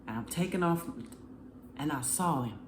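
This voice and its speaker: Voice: medium pitch, expressive, moderate pace, echoey room, noisy background. A faith vlogger giving a casual, earnest spoken testimony, rambling and emotional, recorded at home in an apartment.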